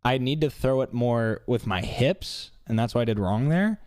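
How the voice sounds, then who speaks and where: A man's voice: mid-range voice, moderate pace, no echo, studio quality. Young man swearing through a fight reaction. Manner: animated, swears often, breaks down his own mistakes. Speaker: YouTuber reacting to his own fight. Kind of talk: casual reaction commentary.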